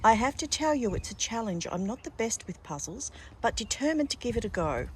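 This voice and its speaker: Slightly high and sing-song, this older woman's Australian-accented voice runs a little fast as she gushes casually to her vlog audience, addressing them as darlings. There is slight background noise.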